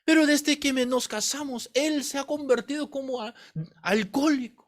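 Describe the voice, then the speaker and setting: A man voicing a distressed middle-aged woman who pleads with her pastor in a tearful, high-pitched voice. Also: normal speed. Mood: complaining.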